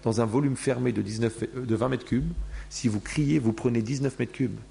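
A man giving a lively class to an audience into a microphone, acting out everyday people as he explains. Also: mid-range voice, creaky, slight background noise. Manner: animated, acts out everyday people in quick voices. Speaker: religious teacher. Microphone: microphone in front of a live class.

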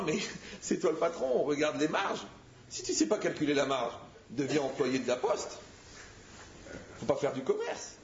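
A man, a rabbi, giving a lively spoken teaching, telling stories and acting out the dialogues in a direct, teasing way. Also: fairly high pitch, a little hiss or hum. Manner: animated storyteller, acts out dialogues, direct and teasing. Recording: echoey muffled room recording.

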